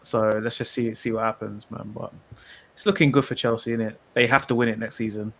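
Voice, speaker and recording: A man's voice: lowish voice, steady tone, fairly quick. A man, co-hosting a casual football podcast over a remote call, slangy and loose in how he talks. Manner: laid-back, slangy, talks in loose run-on sentences. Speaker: podcast co-host.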